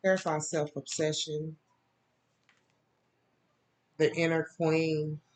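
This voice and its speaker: A woman's voice: monotone, takes it slowly. A woman giving a casual tarot reading, talking in a rambling, loose way with plenty of fillers. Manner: bursts into laughing, high-pitched mimicry. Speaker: tarot reader.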